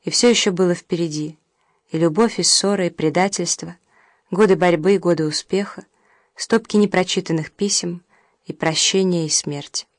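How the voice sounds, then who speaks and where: Somber, low-voiced woman narrating a novel. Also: no room sound. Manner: measured and somber. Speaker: audiobook narrator. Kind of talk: literary audiobook narration.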